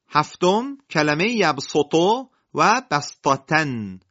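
A man with a mid-range, slightly bright voice, recorded lo-fi, teaches the rules of Quran recitation. He works methodically through numbered points one by one in a careful explanatory lecture.

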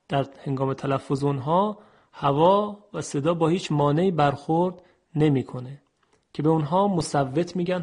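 A man teaching a radio lesson on Quran recitation, explaining in a measured, formal way and reciting Arabic phrases. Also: fairly high pitch, a little mellow, breathy edge.

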